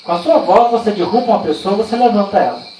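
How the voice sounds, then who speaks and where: A man with a Brazilian Portuguese accent leads a training session in a relaxed, conversational way, asking rhetorical questions and telling personal stories. His voice sits fairly high and carries through a roomy, echoing space. He is picked up from some distance away, and faint crickets and insects can be heard behind him. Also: fast. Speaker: workshop trainer. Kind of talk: informal training talk. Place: indoor training room. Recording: echoey room, far from the mic, faint insect noise.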